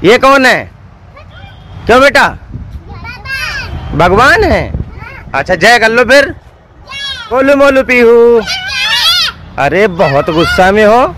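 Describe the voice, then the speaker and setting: Playful dad coaxing kids in a park. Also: male voice, extremely high pitch, sing-song, slow, long pauses, noisy background. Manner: playful, coaxing talk to small children. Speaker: father and vlogger. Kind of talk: casual family vlog chat. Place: outdoor park.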